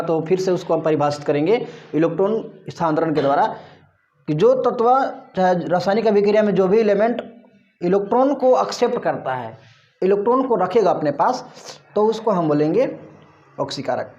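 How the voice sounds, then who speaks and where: High-pitched guy teaching a class, asks stuff then answers it himself, muffled lo-fi audio. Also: expressive, brisk, a little mellow. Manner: asks questions then answers them himself, repeating key terms. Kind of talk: classroom chemistry lesson.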